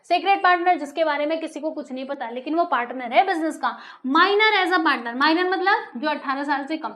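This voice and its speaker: A woman teacher giving a classroom lecture. She keeps checking in with her pupils and slows down to read textbook lines aloud. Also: sits high, expressive, a bit bright. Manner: asks pupils frequent rhetorical checks. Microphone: recorded for an online lecture video.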